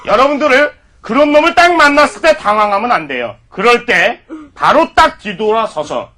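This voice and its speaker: A man's voice: extremely high pitch, sing-song, moderate pace, pushed and bright. A man giving a mock-formal comedy lecture, peppered with profanity.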